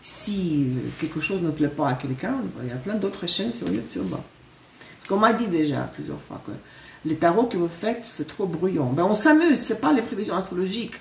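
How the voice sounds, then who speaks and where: A woman's voice: fairly low pitch, expressive, normal speed, vocal fry, a little mellow, echoey room, distant mic, slight background noise. A woman from Russia with a Russian accent, chatting casually through a live tarot reading, correcting herself and joking as she goes. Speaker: tarot reader.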